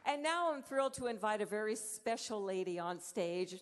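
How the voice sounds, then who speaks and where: A woman's voice: medium pitch, animated, normal speed. A woman emceeing a civic celebration from the stage, chatty and playful, bantering and laughing. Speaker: emcee of the event. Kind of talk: lively stage hosting. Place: large hall on stage. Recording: echoey hall with crowd behind.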